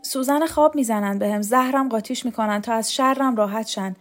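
A woman's voice: on the high side, faint music behind, pitched above the performer's own voice, natural voice. A woman reading the lines of a frail bedridden woman who speaks weakly and drifts into feverish wandering talk, for an audio storybook. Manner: weak, halting, drifting into delirium.

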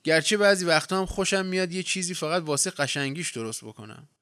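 Male reader as a plain-spoken drifter handyman, earnest, clear tone. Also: on the high side, animated, bright, forceful tone, dry recording, clean studio sound. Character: quiet wandering handyman, calm and earnest.

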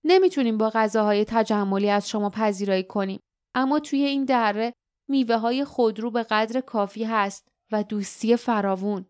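A woman voicing a humbled man who leads a village, speaking stiffly and then with quiet remorse, in an audiobook. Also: on the high side, clean tone, no room sound, studio quality, natural voice.

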